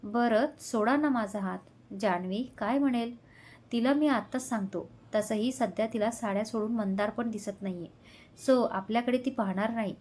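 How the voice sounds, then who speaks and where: A woman reading the part of a passionate, quick-tempered young man in a spoken love story, with intense, heated delivery. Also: a little high, darkish tone, close to an everyday voice. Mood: teasing.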